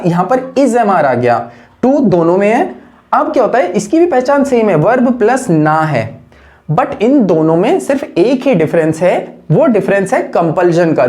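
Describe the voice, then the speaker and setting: A woman's voice: medium pitch, darkish tone. Woman patiently explaining grammar rules. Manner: patient, asks and answers her own questions; slows down to stress key phrases. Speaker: English teacher. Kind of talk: classroom grammar lesson.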